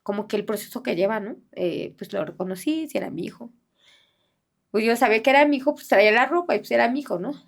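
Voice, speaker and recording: A middle-aged woman speaking in a halting, soft-spoken way, with many fillers and restarts, as a bereaved mother giving an interview. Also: fairly high pitch, vocal fry. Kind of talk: personal testimony in an interview.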